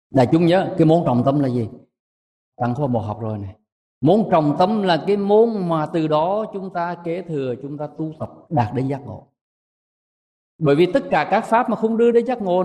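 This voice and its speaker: Monk giving a dharma talk, mellow voice, slow and emphatic, big echoey hall. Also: male voice. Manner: measured, emphatic, rises high when stressing points. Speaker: Buddhist monk teacher. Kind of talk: dharma talk to monastic assembly.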